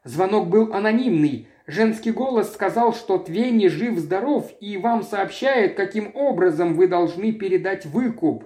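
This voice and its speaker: A man's voice: sits high, expressive, a little slow, few pauses, a little mellow, reverberant, pitched above the performer's own voice. A man voicing a flustered neighbour dentist who stammers.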